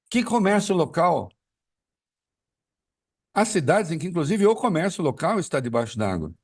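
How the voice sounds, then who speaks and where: A man's voice: high voice, a little mellow, distant mic. A man giving live political commentary, arguing with rhetorical questions and frequent fillers.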